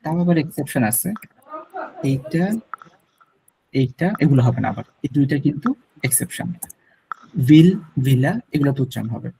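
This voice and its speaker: A man teaching an online French lesson, explaining slowly, repeating words and mixing in English. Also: mid-range voice, vocal fry, dark tone, slight background noise.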